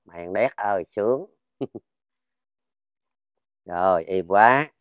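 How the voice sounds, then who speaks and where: Southern Vietnamese man, smooth low voice. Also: slow, dry recording, muffled recording. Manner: keeps checking for pain, loud cheerful exclamations. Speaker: folk healer. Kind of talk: casual talk while treating a patient.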